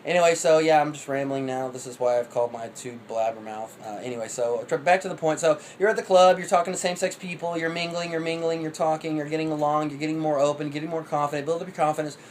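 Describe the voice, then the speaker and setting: Fast-rambling cocky man. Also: on the high side, steady tone, a little hiss or hum, low-quality recording. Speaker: vlogger. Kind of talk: rambling dating advice monologue.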